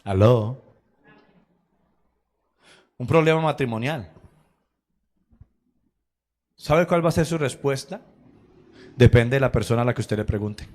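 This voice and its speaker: A man's voice: mid-range voice, moderate pace, long pauses, darkish tone. A man preaching a sermon in a church, telling personal stories with acted quotes and laughter. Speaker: pastor.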